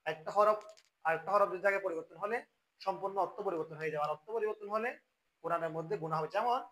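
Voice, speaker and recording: A man with a Bangladeshi Bengali accent teaching Quran recitation, explaining the rules and then chanting the verses slowly and loudly. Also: high voice, low-quality recording.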